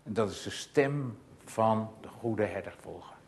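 A man's voice: on the low side, a little slow. A man preaching a sermon, asking rhetorical questions and repeating phrases with growing insistence. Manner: rhetorical questions and insistent repetition, swelling to loud emphatic passages.

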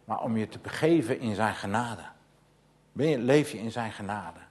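This sermon comes in a lowish, expressive voice at normal speed. The preacher poses rhetorical questions and hammers phrases with growing insistence, swelling into loud, forceful passages.

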